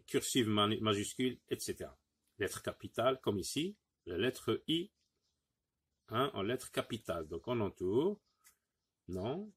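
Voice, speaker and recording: Slow, husky-voiced man teaching phonics. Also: medium pitch. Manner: repeats words slowly, syllable by syllable; patient, encouraging, addresses pupils directly. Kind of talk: phonics lesson for young pupils.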